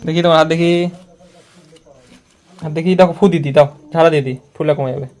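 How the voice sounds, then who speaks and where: A man's voice: a little high, steady tone, a little fast, darkish tone. A man filming a casual home vlog, teasing and coaxing a child in a playful way, often repeating his words. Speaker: vlogger.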